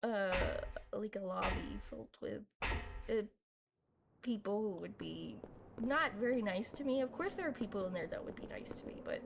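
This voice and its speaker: A young woman with an expressive, gravelly, mid-range voice hosts a gaming video at a moderate pace, chatting and rambling through casual play commentary with plenty of fillers and self-deprecation. Background noise and loud game music accompany her.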